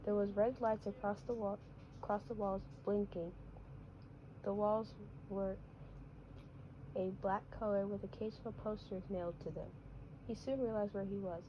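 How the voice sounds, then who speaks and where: A woman's voice: medium pitch, fairly even intonation, normal speed, pauses often. Woman, amateur story reading, frequent restarts, dull lo-fi sound, faint hiss behind. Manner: stumbling, restarting phrases often. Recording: dull lo-fi recording.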